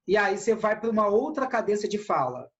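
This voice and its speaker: A woman's voice: mid-range voice, very animated, fairly quick, muffled recording. A woman with a Brazilian Portuguese accent teaching an acting class, explaining and acting out how to deliver lines. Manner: demonstrative, acts out delivery.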